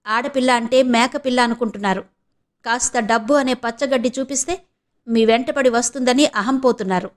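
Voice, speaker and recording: A woman's voice: fairly high pitch, close to an everyday voice. A woman voicing a proud, defiant young wife in an audio novel, speaking in cutting, sarcastic retorts.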